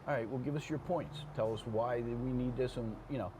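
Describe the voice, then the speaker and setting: Speaking briskly in a mid-range voice with fairly even intonation, an older man who is a veteran fire officer talks casually as an interview guest. His plainspoken style is peppered with check-ins like "okay?" and "you know," against clear background room noise.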